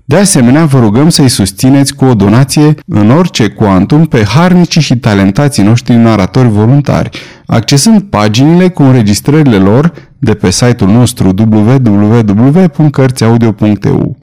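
A man from Romania reading an audiobook in a steady, deliberate narration. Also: mid-range voice. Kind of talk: scripted narration.

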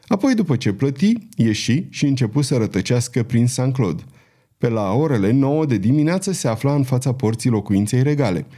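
Warm, expressive male audiobook narrator. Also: mid-range voice. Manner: dramatic, expressive reading. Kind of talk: scripted narration.

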